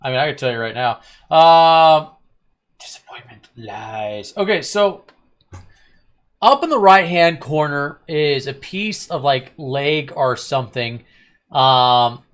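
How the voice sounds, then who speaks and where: Rambling, opinionated man reviewing anime. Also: mid-range voice. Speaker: host of an anime review channel. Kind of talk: casual review chat.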